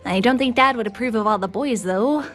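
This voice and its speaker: A woman voicing an eager, awkward teenage girl in an animated series, perky, dorky and easily flustered. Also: on the high side, fairly quick, natural voice. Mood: sheepish. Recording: background music behind dialogue.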